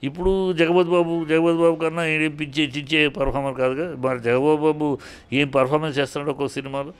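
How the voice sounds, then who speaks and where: A man's voice: fairly high pitch, flat delivery, fast talker, smooth. A man giving heated spoken commentary in an interview, scolding and indignant, firing off rhetorical questions and often restarting his sentences.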